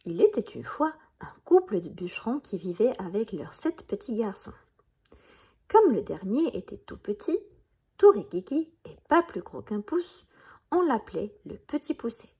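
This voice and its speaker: A woman reading a bedtime story aloud in a gentle voice that often drops to a half-whisper. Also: on the high side, very animated, normal speed, husky.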